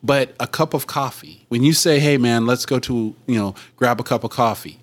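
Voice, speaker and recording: A man's voice: medium pitch, normal speed. A man co-hosts a podcast and talks in a playful, reflective way. He stays upbeat and enthusiastic while he chats with the guest. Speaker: podcast co-host. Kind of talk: casual podcast chat.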